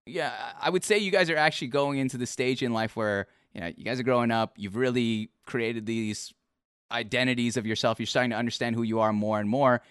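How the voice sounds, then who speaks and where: A man's voice: mid-range voice, fairly quick, a bit bright, smooth, no echo, studio quality. A man streaming, chatting casually with a guest, teasing and laughing easily, often repeating his words. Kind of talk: casual chat.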